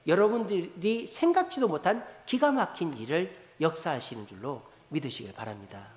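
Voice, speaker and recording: A man preaching a sermon, telling a story with lively, rising and falling emphasis. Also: on the high side. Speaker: pastor. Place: large church sanctuary. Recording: echoey church hall reverb.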